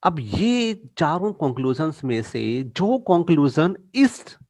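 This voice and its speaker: Slow, deliberate male teacher in a dry room. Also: a little high, big pitch swings, darkish tone, dry recording. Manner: mixes Hindi and English, addresses students directly; slow, deliberate stress on key English phrases. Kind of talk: lesson.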